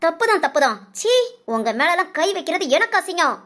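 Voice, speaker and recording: Scornful middle-aged rich mother, high-pitched, harsh and bossy. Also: big pitch swings, fairly quick, full character voice. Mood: angry. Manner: shouting insults, contemptuous. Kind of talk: storybook voice acting.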